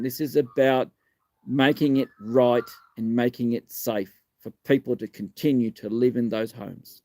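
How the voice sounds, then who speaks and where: A man's voice: medium pitch, a little mellow, dry recording. Blunt Australian man, missing front tooth, dry sound. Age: 50s. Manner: blunt, emphatic, sweary, punchy short phrases. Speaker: live-stream host and community advocate. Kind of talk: live political talk, answering viewer questions.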